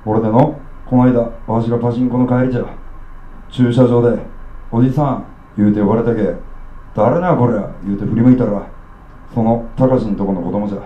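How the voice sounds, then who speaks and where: A gruff, boozy middle-aged uncle, as a man puts him on, rants at a child in thick Okayama dialect. His words come out blunt and rough. The sound is roomy and a little dull, like a lo-fi live recording. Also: mid-range voice, fairly even intonation, fairly quick, close to an everyday voice. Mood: rambling.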